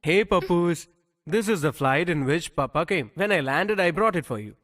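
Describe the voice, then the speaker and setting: A man's voice: fairly high pitch, animated, moderate pace, a bit bright. A man dubbing a cheerful, teasing husband and father in a film. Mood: breezy. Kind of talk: dubbed film dialogue.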